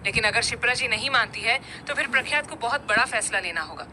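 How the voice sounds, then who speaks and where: A woman narrating a romantic story in an expressive storybook reading. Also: on the high side, fast talker, a little hiss or hum, poor audio.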